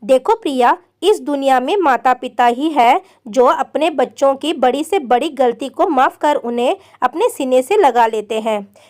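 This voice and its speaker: A woman's voice: high-pitched, lively intonation, measured pace, darkish tone. A woman voicing a kind young man who earnestly lectures a runaway girl in a spoken story. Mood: earnest advice. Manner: earnest, preachy.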